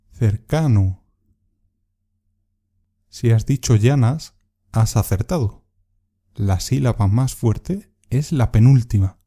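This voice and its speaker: A man hosting a podcast lesson, reading a script in a measured way and drawing out the stressed syllables of example words. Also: mid-range voice, warm tone. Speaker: Spanish teacher and podcast host.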